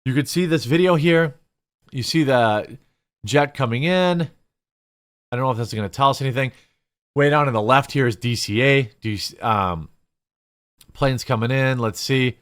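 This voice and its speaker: A man with a medium-pitched, slightly bright, clean voice hosts a news commentary show. He speaks off the cuff at a measured pace with frequent pauses, blunt and opinionated, sometimes sarcastic, asking rhetorical questions and reading bits of articles aloud.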